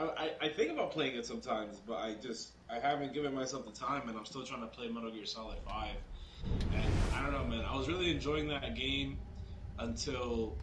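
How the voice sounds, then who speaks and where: A man's voice: mid-range voice, heavy background noise. A man chatting casually with a friend about games, rambling and laughing easily. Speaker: friend on voice chat. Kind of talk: casual gaming chat. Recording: echoey, game music behind.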